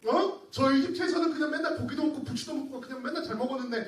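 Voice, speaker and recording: Brief: male preacher doing a whining complainer, loud and high, with a roomy, distant sound. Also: rapid-fire, a little hiss or hum. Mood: grumbling complaint. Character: whining grumbling Israelite crowd member, male adult.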